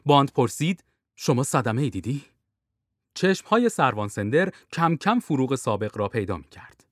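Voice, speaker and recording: A man narrating a thriller audiobook in a lively, expressive way. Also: medium pitch, no room sound, clean studio sound.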